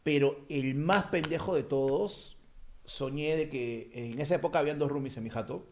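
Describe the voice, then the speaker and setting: A man's voice: a little high, moderate pace. A man with a Peruvian accent telling a story in casual chat, acting out his own screams and quoted lines. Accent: Peruvian Spanish.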